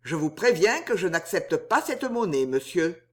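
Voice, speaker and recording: A reader voicing a haughty, hot-tempered male count in a swashbuckling audiobook, sneering and quick to rage. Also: mid-range voice, big pitch swings. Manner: sneering, then raging.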